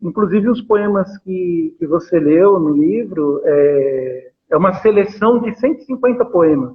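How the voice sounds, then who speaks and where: A man with a Paulistano accent and a fairly high voice talks hesitantly, filling pauses and tagging questions. He comes through a tinny, phone-like video call line. The chat is relaxed and unscripted. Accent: Paulistano Brazilian Portuguese. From São Paulo, Brazil. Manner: hesitant, many fillers and tag questions. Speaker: poet being interviewed. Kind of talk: casual interview over a video call.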